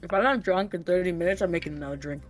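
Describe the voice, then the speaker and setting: A woman's voice: fairly low pitch, rapid-fire. A woman streamer chatting casually and laughing easily while playing a game. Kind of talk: casual chat over gameplay. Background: game music.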